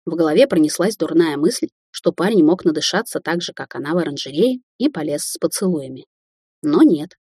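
A woman narrating an audiobook in a steady, even storytelling manner. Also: deep voice, breathy edge, no room sound, studio quality.

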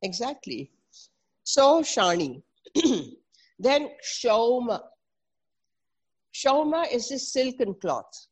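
A middle-aged woman with a North Indian accent gives an informal, didactic talk on traditional Indian textiles, mixing English with Hindi and Sanskrit and spelling out and repeating terms as she teaches. Her slightly rough voice is on the high side and sing-song, with drawn-out words and long pauses.

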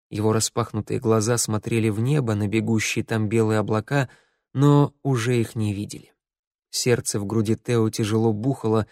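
A man reading a dark fantasy audiobook in a measured, dramatic narration. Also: mid-range voice, no echo, clean studio sound. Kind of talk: scripted narration.

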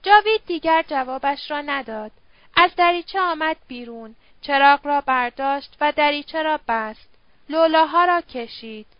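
A woman reading an audiobook novel in an even, measured narration. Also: sits high, no room sound, highs cut off. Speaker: audiobook reader.

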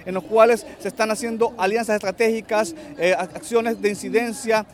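Male radio field reporter, high voice, fast announcer delivery, outdoors with traffic. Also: steady tone. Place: outdoors at a street march.

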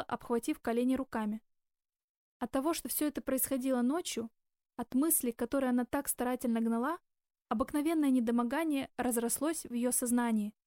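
A woman reading a novel aloud in even, measured scripted narration. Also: high-pitched, no echo, clean studio sound. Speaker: audiobook narrator.

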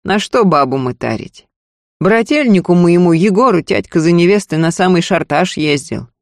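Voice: medium pitch, lively intonation, moderate pace, no echo, studio quality, voice pushed up, close to an everyday voice. A reader voicing a blunt, stubborn young hunter in an audiobook. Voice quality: terse, unsmiling. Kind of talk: audiobook character voice.

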